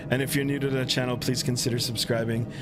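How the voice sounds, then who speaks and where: Casual male streamer over faint engine rumble. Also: fast talker. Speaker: flight simulator livestream host. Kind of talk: casual livestream commentary. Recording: steady aircraft rumble behind voice.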